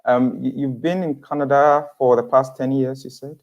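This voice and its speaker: A man's voice: medium pitch, level tone, normal speed, dull audio. A man hosting an online interview, asking long questions with frequent hesitations. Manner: hesitant, many fillers and restarts. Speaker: host.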